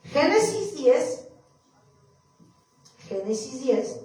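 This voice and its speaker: A woman's voice: high voice, big pitch swings, extremely slow, darkish tone. A woman preacher delivering a sermon to her congregation, reading scripture verses aloud and repeating them. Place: church. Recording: echoey hall, far from mic.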